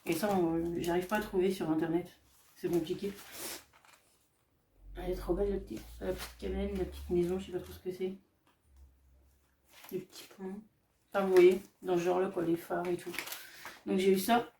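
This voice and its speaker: A woman vlogger casually showing off her craft shopping haul, chatty and hesitant, often pausing on fillers as she describes each item. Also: fairly low pitch, flat delivery, mellow, recorded from a distance, a little hiss or hum. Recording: echoey room, voice off-mic.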